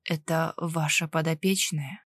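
A hurting middle-aged man, as a woman reader puts him on, wheezing through clenched teeth and halting over his words. His voice sits low and quiet, weak and wary, in a dry, close storybook reading. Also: fairly even intonation, dry recording. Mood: strained, wary. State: strained and wheezing with pain.

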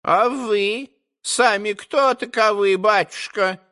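A man voicing a scolding old female servant in a cracked falsetto, in a storybook reading. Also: takes it slowly, pushed and bright, full character voice. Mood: chatty.

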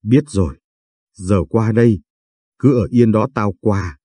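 A man's voice: on the low side, dark tone, dry recording, studio quality. Man voicing a brash young woman friend. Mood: brusque. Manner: blunt, rapid-fire questions, crude slang.

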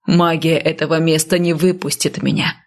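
A woman's voice: sits low, fairly even intonation, moderate pace. A woman voicing a grim, stubborn man cursed and bound to death, curt and stern, in an audiobook. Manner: stern, curt, speaking through clenched teeth. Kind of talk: audiobook character voice.

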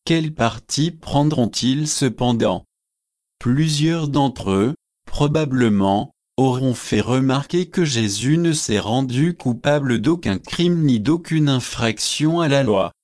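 Slow, measured man reading aloud. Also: mid-range voice, animated, darkish tone. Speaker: audiobook reader. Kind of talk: scripted narration of a religious book.

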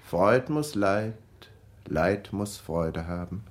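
A sly devil with a mocking, honeyed tongue. He speaks slowly and swings his pitch wide, leaning theatrically on each line in a 1950s radio play. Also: lively intonation. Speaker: actor playing Mephistopheles. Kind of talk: 1950s German radio drama acting.

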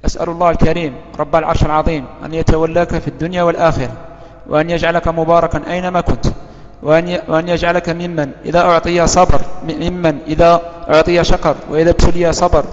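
Student man reciting at speed over a broken online call with dropouts; slightly high, monotone delivery. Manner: fast, flat recitation. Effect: choppy online call audio with dropouts. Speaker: student reciting a memorized text. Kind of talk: rapid memorized recitation. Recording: muffled, echoey online call audio.

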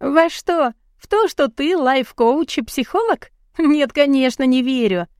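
A woman voicing an indignant young woman with quick, pointed retorts in an audiobook. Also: a little high, expressive, no echo, clean studio sound, natural voice.

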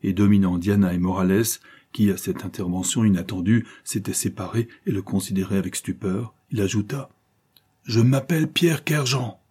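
A man narrates an audiobook with dramatic, measured delivery. His voice sits low with a deeply husky grain. The tone is dark and mellow throughout. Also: steady tone. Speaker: audiobook reader.

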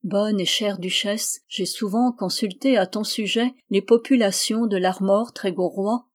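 A woman reading a book aloud as an audiobook narrator, in a measured, even delivery that slows on key phrases. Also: mid-range voice. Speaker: audiobook reader. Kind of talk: scripted narration.

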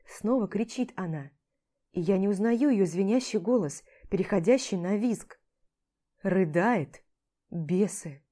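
A woman narrating a first-person story aloud in a steady, expressive reading. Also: medium pitch, unhurried. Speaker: audiobook reader.

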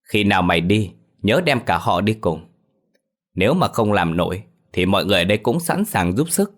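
A man's voice: fairly low pitch, sing-song, fairly quick. A man voicing an arrogant, mocking elderly clan head who domineers over his relatives in an audio ghost story. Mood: scornful.

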